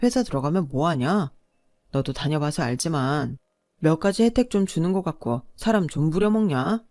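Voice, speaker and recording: A woman's voice: low voice, animated, moderate pace, dry recording, studio quality. A woman doing a sneering, pushy husband. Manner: sneering and nagging, louder than the narration. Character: scornful, pushy young married man.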